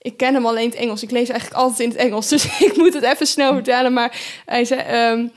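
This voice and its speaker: A woman's voice: fairly high pitch, fairly even intonation, fast. A woman hosting a casual faith conversation, chatty and self-deprecating, sometimes losing her train of thought. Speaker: host, video marketer.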